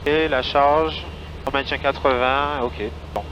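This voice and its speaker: A man's voice: medium pitch, fairly even intonation, slow. A man working as a pilot, calling out checklists and radio calls in a small aircraft cockpit. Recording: dull cockpit audio with engine hum.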